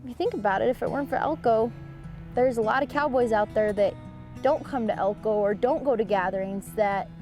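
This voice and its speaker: High-voiced teenage woman interviewed over music. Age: late teens. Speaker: cowboy musician and songwriter. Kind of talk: earnest interview talk. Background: music under the voice.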